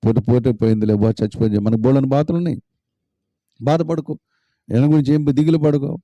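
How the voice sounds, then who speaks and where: A man's voice: mid-range voice, fairly even intonation, fairly quick, mellow, dry recording, lo-fi sound, lightly acted. A man voicing a kind father who questions and then comforts his crying son in a retold story. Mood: comforting. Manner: coaxing, questioning. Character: kind worried middle-aged father.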